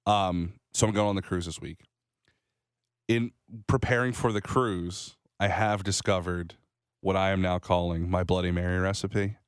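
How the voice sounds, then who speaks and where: A man in his thirties co-hosting a morning show, telling rambling, animated stories with a slight cold. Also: low-pitched, normal speed, clear, resonant tone, no room sound, clean studio sound. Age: 30s. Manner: rambling, animated storytelling with restarts. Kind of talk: casual radio chat.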